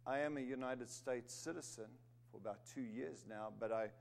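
A man with a gravelly, darkish mid-range voice preaches at normal speed; he's from Zimbabwe and was raised in South Africa. His sermon is emphatic, rising to stress key words and dotted with humorous asides.

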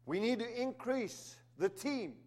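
This sermon comes from a man of Zimbabwean origin, raised in South Africa, whose very high-pitched, slightly mellow voice has lively intonation and a measured pace. He stresses key words by rising on them and mixes in humorous remarks.

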